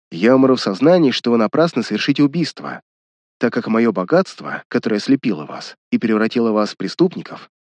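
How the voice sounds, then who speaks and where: A man's voice: mid-range voice, a little mellow, no echo, close to an everyday voice. A man voicing a young woman who defies her cruel brothers, indignant and pleading by turns.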